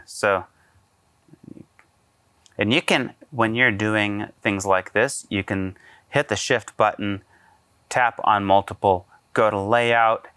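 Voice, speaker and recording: A man giving a casual step-by-step software tutorial, talking through each click with frequent ums and uhs. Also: lowish voice, no echo. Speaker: AV integrator demonstrating software. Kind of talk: screen-recorded software tutorial.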